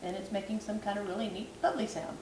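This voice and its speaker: A fast-talking woman with a mid-range, fairly even voice gives a cooking tutorial at home, even as her voice fades. She's a vlogger, chatty and quick to poke fun at herself, filming at night in her kitchen. Echo and background noise fill the distant recording.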